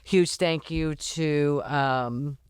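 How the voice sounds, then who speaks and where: Podcast host guy, upbeat, real smooth clear voice, a bit high, dry sound. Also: drawn-out words, no room sound. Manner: upbeat, effusive thanks. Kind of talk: casual podcast chat.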